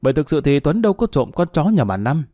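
A man narrating a story in a measured storytelling manner. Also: fairly high pitch, very animated, dark tone, dry recording, clean studio sound, soft background music. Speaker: audiobook narrator. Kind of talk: scripted narration.

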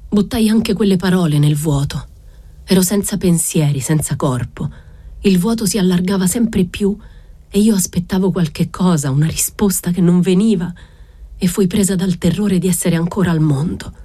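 A woman reading a literary novel aloud in a calm, measured way. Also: on the low side, slightly rough, no room sound. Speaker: reader.

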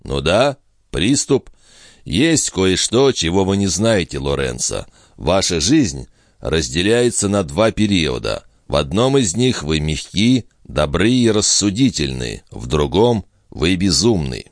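A man doing a calm, patient nobleman. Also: sits low, dry recording, clean studio sound, heavily acted. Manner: smooth, measured, gently reasoning.

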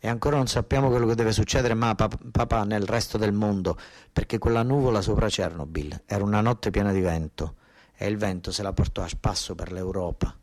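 An actor-storyteller from Basilicata in southern Italy performs a narrative theatre monologue, insistent and theatrical. He speaks colloquially and fairly quickly, repeating phrases for emphasis, in a low, darkish voice.

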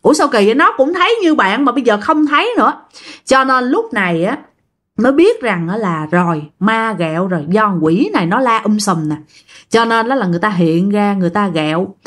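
A woman's voice: mid-range voice, animated, a little fast, fairly bright tone. A woman telling a ghost story in a chatty, casual way, often addressing her listeners.

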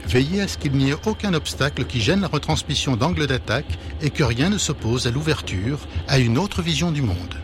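A man reading a formal public-address announcement as if over a loudspeaker. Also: medium pitch, expressive, fairly quick, few pauses, over music. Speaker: station jingle announcer.

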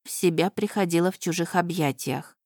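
Woman, audiobook narration, low-pitched, dry studio sound, expressive, measured. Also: dry recording. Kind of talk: first-person audiobook narration.

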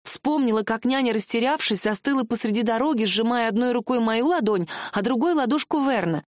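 A woman's voice: on the high side, expressive, brisk, no room sound, studio quality. A woman reading a story aloud in first person with emotional engagement. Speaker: audiobook reader. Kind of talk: scripted story narration.

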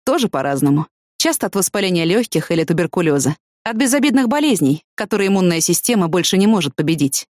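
A woman reading the lines of a blunt, bitter young man of twenty in an audiobook, in a flat, matter-of-fact way. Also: fairly low pitch, fast talker, no echo, clean studio sound.

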